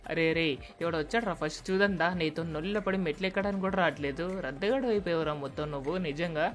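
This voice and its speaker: A woman voicing an exasperated young man who scolds and shouts at a kid, in a game dub. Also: deep voice, rapid-fire, faint music behind, lightly acted. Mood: puzzled. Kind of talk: game dub role-play.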